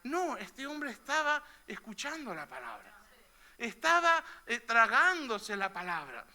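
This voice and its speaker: Male pastor, very high, sharp, bright voice; chatty sermon full of "eh?" tags. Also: very animated, a little slow. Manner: conversational preaching, frequent "¿eh?" tags. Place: church hall.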